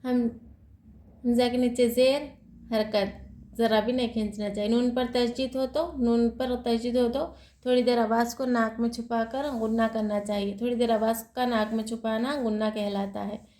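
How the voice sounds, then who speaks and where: A woman's voice: a little high, steady tone, normal speed, dark tone, roomy sound. A woman teaching Quran reading rules in an online lesson, explaining patiently, repeating each rule and asking and answering her own questions.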